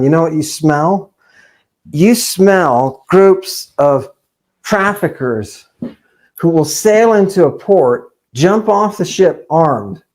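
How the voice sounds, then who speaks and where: A man lectures in a loose, conversational way, working line by line through a text on screen. He talks at an unhurried pace, often circles back to repeat himself, and keeps asking "right?" of his listeners. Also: fairly high pitch, a little mellow. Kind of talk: informal lecture reading from a text.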